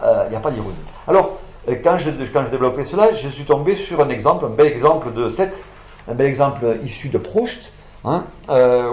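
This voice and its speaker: A male lecturer works through an academic argument, pausing on fillers and correcting himself as he goes. His voice sits at a middle pitch. The sound is roomy and echoing, as in a lecture room. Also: a little mellow. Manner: hesitant, many fillers and self-corrections, explanatory.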